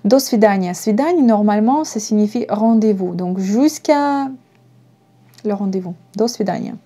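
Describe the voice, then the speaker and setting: A woman's voice: mid-range voice, normal speed, dark tone, soft background music. A woman with a Russian accent teaching a language lesson, patiently spelling words out letter by letter. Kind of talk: slow online language lesson.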